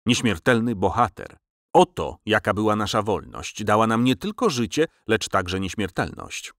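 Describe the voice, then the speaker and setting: A man voicing a fervent old veteran who speaks slowly and solemnly in a storybook reading. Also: lowish voice, lively intonation, a bit bright, dry recording, clean studio sound. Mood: solemn reverent. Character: old Italian veteran, fervent, grave and slow.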